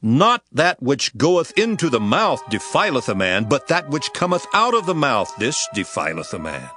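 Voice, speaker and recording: An actor playing Jesus as a grave, authoritative teacher, speaking solemnly and emphatically in a scripture dramatization. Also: male voice, mid-range voice, wildly swooping pitch, normal speed. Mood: solemn teaching. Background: music.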